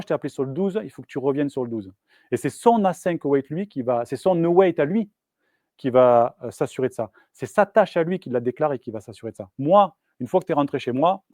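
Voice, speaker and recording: Male engineer presenting at a meetup, halting delivery, dry sound. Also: fairly high pitch, darkish tone, no room sound. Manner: casual, hesitant, many fillers and restarts. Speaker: software engineer giving a meetup talk. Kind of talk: live technical presentation. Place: meetup room.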